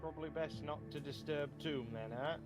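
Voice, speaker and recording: A man's voice: fairly high pitch, normal speed, over loud music. A man playing a tabletop game, blunt and joking in casual chat. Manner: quips, blunt and brash. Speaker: player.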